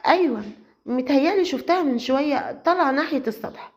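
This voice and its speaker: A woman's voice: high voice, lively intonation, quick pace, pitched above the performer's own voice. A woman with an Egyptian Arabic accent voicing a helpful young woman friend in a narrated story. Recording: slightly muffled lo-fi audio.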